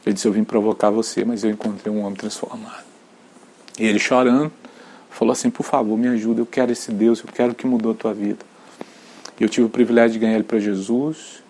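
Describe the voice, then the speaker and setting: A Brazilian man, a pastor, preaching an earnest sermon, sometimes dropping to a near whisper and sometimes rising to loud emphatic peaks. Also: fairly low pitch, little pitch movement, fast talker, slight background noise.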